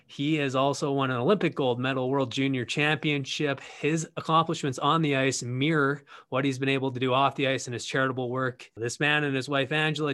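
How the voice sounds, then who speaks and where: A man hosting a podcast with scripted, announcer-like delivery. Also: medium pitch. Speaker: podcast host. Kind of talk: scripted news narration and interview hosting. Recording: loud music bed under voice.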